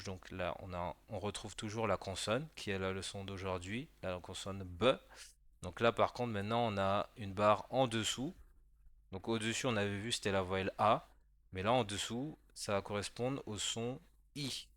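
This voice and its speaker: A man teaching a beginner language lesson in a patient, explaining voice-over, pausing to check the listener follows and sounding out syllables slowly. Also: fairly low pitch, a bit bright, no room sound. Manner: spells out sounds slowly for repetition.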